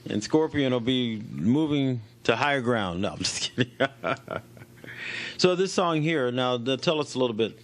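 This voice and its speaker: A man's voice: medium pitch, animated, normal speed. A man hosting a radio interview in a casual, chatty, rambling way with a jokey streak. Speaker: radio show host.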